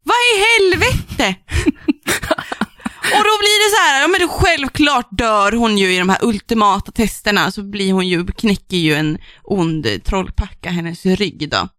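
A woman's voice: medium pitch, sharp tone, no echo, studio quality. A young woman, swearing freely and ranting with exasperation as she chats about books on a podcast. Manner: profane, exasperated ranting with laughter. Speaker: podcast co-host. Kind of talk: casual chat about books.

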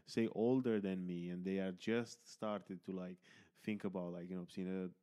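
A man's voice: sits low, fairly even intonation, moderate pace, dark tone, smooth. A man hosting a podcast, talking candidly in rambling sentences full of fillers and restarts. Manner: candid, swears casually. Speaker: podcast host. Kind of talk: casual conversation.

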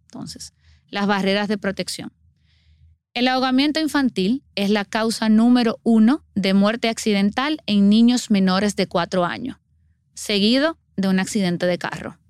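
Lady on a podcast, smooth clear voice, dead dry sound, earnest explainer. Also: mid-range voice, moderate pace, dry recording. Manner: earnest, explanatory, acts out everyday scenes. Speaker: water safety instructor.

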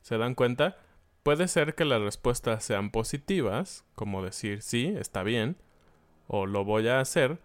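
A man's voice: medium pitch, clean tone, dry recording. Conversational Mexican man teaching Spanish. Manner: conversational, asks the audience questions. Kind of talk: casual language lesson.

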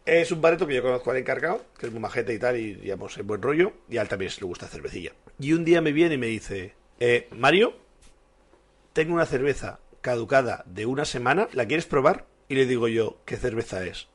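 A man's voice: mid-range voice, animated, brisk, husky. A man, co-hosting a casual beer-tasting podcast, telling jokey stories and swearing freely. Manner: joking storyteller, swears freely. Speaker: podcast co-host.

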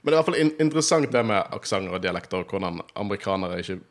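A podcast host with a Bergen Norwegian accent chats casually, talkative and laughing often. His voice is low-pitched with lively intonation, and there's a little hiss or hum.

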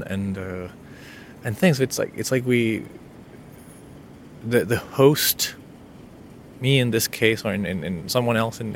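A Danish-speaking man with a lowish voice hosts a solo podcast with no script. He talks hesitantly and intimately, restarting his sentences often, over slight background noise.

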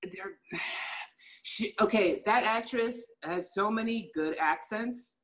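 A woman chatting casually about a TV series, animated and profane, stumbling over her words when excited. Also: medium pitch, takes it slowly, low-quality recording.

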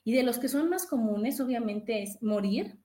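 A woman with a Mexican accent hosting a podcast, giving an earnest, animated motivational talk and acting out the voices she quotes. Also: a little high, normal speed, roomy sound. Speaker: podcast host. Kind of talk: motivational monologue.

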